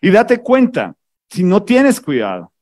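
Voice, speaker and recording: A man, a pastor, preaching a sermon in an animated, teasing way, firing off rhetorical questions. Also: high voice, measured pace.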